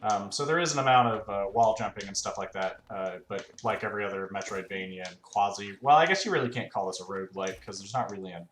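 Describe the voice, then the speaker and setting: Low-voiced man rambling through a let's-play. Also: quick pace, hardly any pauses, a bit bright. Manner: rambling, filler-heavy, laid-back. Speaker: gaming channel host. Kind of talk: casual let's-play commentary. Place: room at home. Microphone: desk mic. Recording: roomy home recording with faint fan hum.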